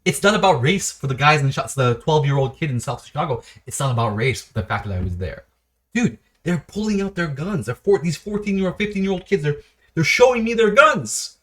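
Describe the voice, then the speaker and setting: A man hosting his own video series, talking off the cuff in a rambling, animated way, with frequent restarts and short laughs. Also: fairly high pitch, normal speed. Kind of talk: casual unscripted monologue.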